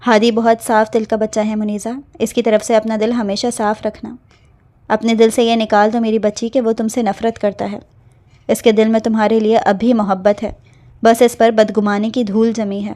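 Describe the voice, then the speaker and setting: A gentle older aunt speaks slowly and tenderly, as a woman reading a novel puts her on. The voice is a little high and mellow. She advises like a loving elder in an audio storybook. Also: level tone, lightly acted.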